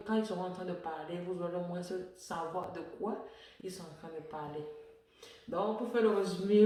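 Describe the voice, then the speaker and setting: A chatty woman from French-speaking Africa tells her story in a relaxed vlog style, with frequent repeats and laughter. She sits well back from the mic in a very echoey room. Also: on the low side, recorded from a distance. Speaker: vlogger. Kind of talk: casual personal vlog talk.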